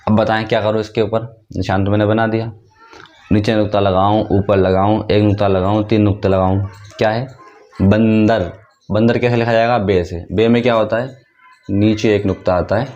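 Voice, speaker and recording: A man's voice: on the low side, darkish tone, highs cut off. A male teacher giving an online script lesson, patiently spelling out each word and repeating every answer as a question to the learner. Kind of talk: online class, step-by-step explaining.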